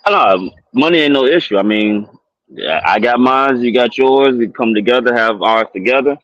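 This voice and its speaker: A man answers as a dating show contestant in informal, plain-spoken chat. His pitch is average, and the audio is dull and very dry, like an online call. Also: lively intonation, normal speed, a bit bright, no echo. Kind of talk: casual chat.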